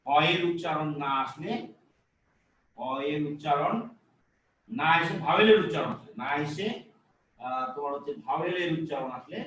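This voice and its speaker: A man teaching a grammar lesson at a board, halting with many filler sounds and restarts, asking rhetorical questions. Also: fairly high pitch, fairly bright tone, slight background noise. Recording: echoey room, voice from some distance.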